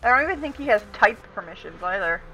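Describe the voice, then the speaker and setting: A woman streaming a team game, chatting casually with friends, playful and goofy, often laughing and shouting. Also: mid-range voice, animated, fast, a little hiss or hum. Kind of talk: casual gaming chat with friends.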